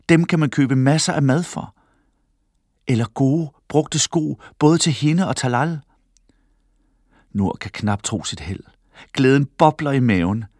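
Guy reading a kids book aloud, lowish voice, really dry close sound. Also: no room sound. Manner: expressive storytelling, voices the characters. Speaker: audiobook narrator. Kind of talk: scripted narration of a children's book.

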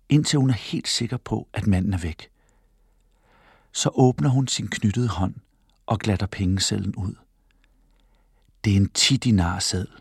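A man narrating a children's book in an expressive storytelling manner. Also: lowish voice, breathy edge, no echo, studio quality. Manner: expressive storytelling, voices the characters. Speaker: audiobook narrator.

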